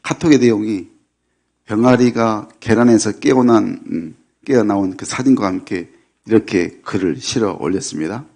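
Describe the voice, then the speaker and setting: A middle-aged man preaching a Sunday sermon as pastor, unhurried and peppered with filler yeses and light humor. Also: on the low side, gravelly, warm tone. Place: church sanctuary.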